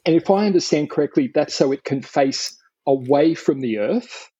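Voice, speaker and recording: A man's voice: on the high side, animated, moderate pace, warm tone, slightly rough, highs cut off. A man hosting a casual podcast chat, asking careful clarifying questions.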